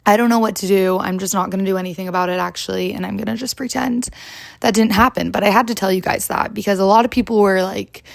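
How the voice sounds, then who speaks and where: A young woman hosting her podcast with a hoarse, gravelly rasp to her voice. She rambles in a chatty, casual way, dropping "like" constantly. The sound is close and dry. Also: mid-range voice, steady tone, fast talker, no echo. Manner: chatty, rambling, heavy use of "like". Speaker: podcast host. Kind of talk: casual solo chat.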